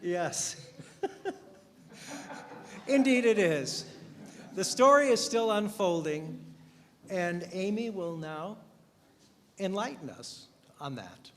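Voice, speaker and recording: Leading worship, a man narrates a Christmas story to his congregation with playful, upbeat coaxing. He speaks extremely slowly in a high voice with big pitch swings, pausing often. The sanctuary setting gives the recording heavy reverb and faint noise.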